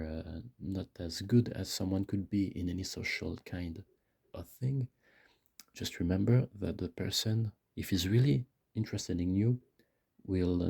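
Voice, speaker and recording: A man's voice: low voice, gravelly, a little mellow, breathy edge. A man speaking very close to the microphone in a casual, rambling monologue, hesitant and often searching for his words. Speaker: video creator. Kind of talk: casual rambling monologue, self-help musing. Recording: close-miked with mouth clicks.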